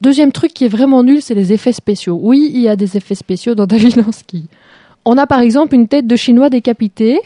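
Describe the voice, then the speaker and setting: A woman's voice: a little high, brisk, warm tone, no echo, clean studio sound. A woman hosting a chat show, mocking a TV series with sarcasm and frequent laughter. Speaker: show host reviewing a TV series. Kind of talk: casual critical chat.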